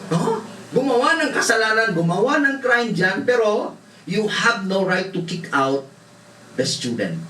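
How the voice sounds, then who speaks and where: A man's voice: high-pitched, very animated, a little slow, sharp tone. A male pastor from the Philippines preaching a sermon, telling stories with laughter and mixing in English. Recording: roomy hall, voice from far off, faint noise.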